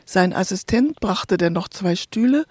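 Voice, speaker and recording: A radio host reading an earnest, scripted narration in a soft voice. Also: mid-range voice, lively intonation, a little slow, husky, no echo, studio quality.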